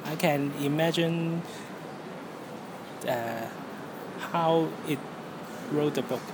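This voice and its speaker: A young adult with a Hong Kong accent answering interview questions in halting English, searching for words. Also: mid-range voice. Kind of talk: interview answers about personal experience. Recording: loud air-conditioning or traffic-like background noise.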